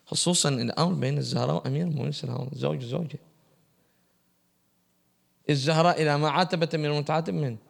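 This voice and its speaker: Gravelly man teaching religion. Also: a little high, rapid-fire, pauses often. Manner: asks the audience questions and answers them. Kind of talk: religious lesson to a class.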